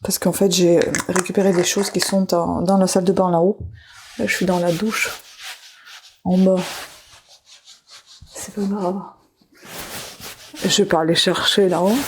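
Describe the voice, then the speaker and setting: A woman's voice: fairly low pitch, unhurried, long pauses, noisy background. A middle-aged woman chatting casually to the camera while she does her evening skincare in a bathroom at home. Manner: relaxed, chatty, talks while doing skincare. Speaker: beauty vlogger. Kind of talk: casual vlog chat.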